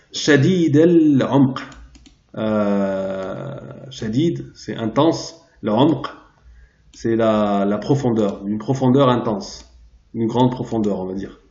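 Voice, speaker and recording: A man teaching a translation lesson, pausing often and searching aloud for the right word. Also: medium pitch, darkish tone. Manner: hesitant, searching aloud for words. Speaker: Arabic teacher. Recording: roomy, dull lo-fi sound.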